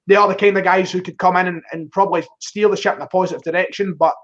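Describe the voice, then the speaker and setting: A man's voice: high voice, steady tone, quick pace, a bit bright, muffled recording. A man with a broad Glaswegian Scottish accent in a casual, rambling football discussion, often repeating words as he starts. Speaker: football fan guest on a live stream.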